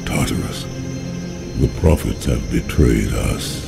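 A noble alien warrior from a video game, grave and formal. His low voice has a gravelly edge and rings in long reverb, with music behind. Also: slow, full character voice. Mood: grave questioning. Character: noble, solemn alien warrior, stern and questioning. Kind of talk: video game cutscene acting.

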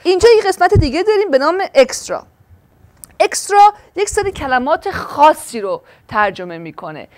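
A woman demonstrating a product, explaining each step with frequent filler sounds. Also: sits high. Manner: explanatory, walking through steps, many fillers.

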